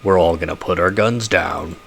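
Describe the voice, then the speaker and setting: A man voicing a gruff, husky male troll mercenary in a game. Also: low-pitched, moderate pace, background noise, pitched below the performer's own voice.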